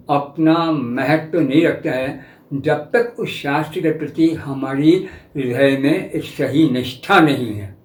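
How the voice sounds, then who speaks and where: An older man, a professor, giving a measured spiritual lecture on scripture and stopping often to ask rhetorical questions. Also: a little high, a little mellow. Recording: echoey room.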